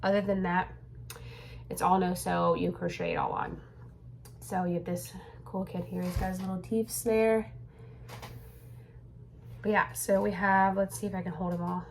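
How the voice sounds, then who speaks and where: A young woman, a crochet pattern designer, talks in a lowish, fairly flat voice at a moderate pace, leaving long pauses over a faint hiss or hum. She's vlogging casually from a home room being cleared out, chatty and rambling with many fillers and a bit out of breath.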